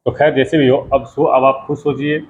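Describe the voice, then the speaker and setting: A middle-aged man teaching as a pandit, explaining mantra pronunciation at a measured pace and drawing out each sound he stresses. He often stops to ask the listener how a sound should be read. The audio is a little dull and lo-fi, with faint noise behind him. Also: medium pitch, little pitch movement. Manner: explanatory, repeats key sounds slowly, asks rhetorical questions. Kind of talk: spoken lesson to camera.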